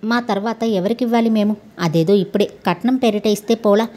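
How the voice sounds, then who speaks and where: A woman voicing a practical middle-aged wife and mother who reasons things through in a measured way, in a storybook reading. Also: mid-range voice, steady tone, dark tone, natural voice. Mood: reasoning.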